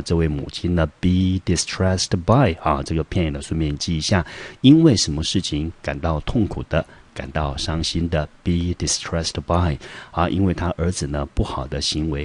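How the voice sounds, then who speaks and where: A man's voice: rumbling low, darkish tone. A man from Taiwan teaching English vocabulary in Mandarin with a Taiwanese accent, explaining each word patiently and step by step. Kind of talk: vocabulary lesson.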